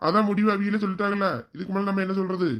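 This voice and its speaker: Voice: medium pitch, level tone, racing, highs cut off. A performer playing a resigned, stern father in a family sketch. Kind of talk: family comedy sketch acting.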